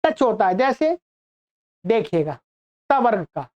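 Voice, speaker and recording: A woman teaching an online pronunciation lesson, saying each sound slowly and repeating it many times for learners to copy. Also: fairly high pitch, sing-song, darkish tone, muffled recording. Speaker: Sanskrit teacher.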